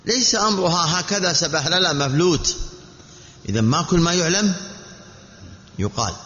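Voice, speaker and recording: Male preacher, slightly high voice, measured sermon delivery, dull reverberant hall recording. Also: expressive, bright, forceful tone. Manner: measured, repetitive teaching delivery with rhetorical questions. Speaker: Islamic preacher.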